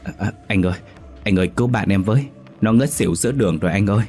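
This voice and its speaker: A man's voice: lowish voice, animated, normal speed, soft background music, lightly acted. Man doing a brash, mocking young tough. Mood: desperate. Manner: brash, teasing, rough-talking.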